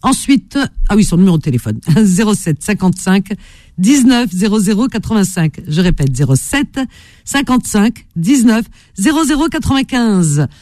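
A woman hosts a radio phone-in with swooping, expressive pitch. She is familiar and teasing as she takes and reads back small ads. The studio sound is close and dry. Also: no room sound. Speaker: radio call-in host. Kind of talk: chatty classified-ads hosting. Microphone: studio microphone.

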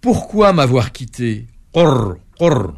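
A man voicing a heartbroken male toad who laments and croaks as he begs his wife to return, in a spoken folk tale. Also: mid-range voice, sing-song, slow pace, heavily acted. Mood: lamenting. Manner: wailing lament with croaking sounds.

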